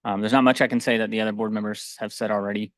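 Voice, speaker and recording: A man's voice: on the low side, flat delivery, rapid-fire, no echo. A man chairing a school board meeting, formal and with frequent hesitations.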